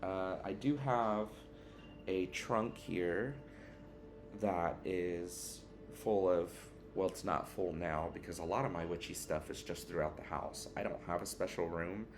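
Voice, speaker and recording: A tired man answering tag questions in a relaxed, rambling casual chat at home, yawning now and then. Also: low voice, measured pace, music in the background. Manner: relaxed, rambling, with fillers and restarts. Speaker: witchcraft vlogger answering a tag. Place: one-bedroom apartment.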